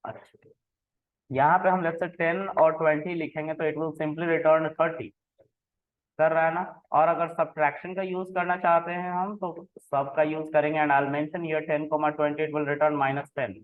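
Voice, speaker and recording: A man teaching programming in a relaxed way, explaining code step by step and often checking that the listener follows. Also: a little high, a little slow. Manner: conversational, keeps checking in with the listener. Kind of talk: explaining code while typing. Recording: tinny phone-like sound.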